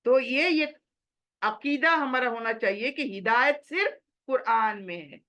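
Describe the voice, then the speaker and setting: A woman's voice: a little high, lively intonation, unhurried, a bit bright. A woman giving a religious lesson in an earnest, exhorting manner, slipping English phrases into her talk. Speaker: Quran teacher.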